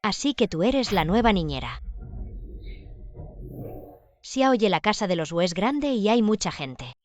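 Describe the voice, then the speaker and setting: A woman's voice: mid-range voice, big pitch swings, measured pace, no echo. An actress dubbing a proud, wounded young woman in a melodrama. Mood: scornful, heated. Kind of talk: dubbed melodrama acting.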